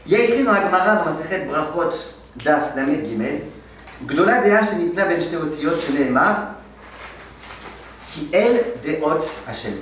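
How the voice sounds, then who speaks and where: A rabbi gives a lively class, bouncing questions off his students and weaving in funny stories. His voice sits a little high for a man. It rings around a reverberant room, picked up from some distance away, with a faint hiss behind it. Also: normal speed. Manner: asks the class questions and answers them, tells anecdotes. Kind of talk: lively Torah lesson with humor. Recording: echoey room, mic far off.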